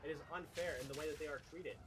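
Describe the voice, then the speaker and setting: Fast-talking insistent man over background noise. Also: on the high side, fairly even intonation. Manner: insistent, argumentative. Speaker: debater. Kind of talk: live online debate.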